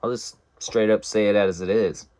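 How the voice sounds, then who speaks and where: A man's voice: lowish voice, steady tone, moderate pace, a little mellow. A young man telling a casual story in a blunt, profane, rambling way.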